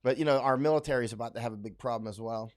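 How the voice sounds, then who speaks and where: A man's voice: medium pitch, rapid-fire, darkish tone. A man from Central Florida talking casually on a livestream, rambling with many restarts and fillers. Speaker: livestream host. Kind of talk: casual livestream talk, reading viewer comments. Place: home in Chiang Mai, Thailand.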